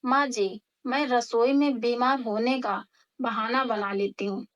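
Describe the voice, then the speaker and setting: A woman voicing a cheeky, lazy young daughter-in-law who makes sly, deadpan comebacks. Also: on the high side, unhurried, lo-fi sound, close to an everyday voice.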